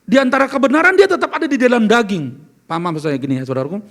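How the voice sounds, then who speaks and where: A man with a strikingly high voice and a gravelly edge delivers an earnest church sermon. He speaks as a pastor and keeps asking his listeners questions. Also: animated, racing, fairly bright tone. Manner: earnest, asks the congregation questions. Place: church service.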